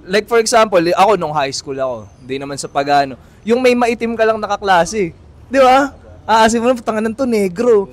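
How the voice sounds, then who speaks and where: A man hosting a casual podcast outdoors, telling a personal story in a lively, animated way with many fillers and restarts. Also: high voice, moderate pace. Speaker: podcast host. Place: outdoors on a city street.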